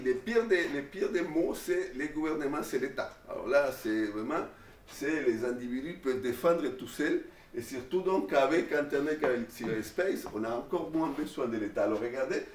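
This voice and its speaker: A man delivering an informal classroom lecture in an animated way, often restarting his phrases. His voice sits in the middle range. The room echoes, and the mic is far away. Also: mid-range voice, moderate pace, slight background noise. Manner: animated, repetitive restarts and fillers.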